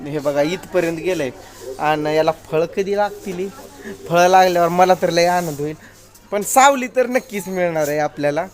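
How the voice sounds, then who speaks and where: Chatty high-voiced man vlogging from his village. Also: normal speed. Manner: chatty, addresses viewers directly. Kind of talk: casual vlog narration.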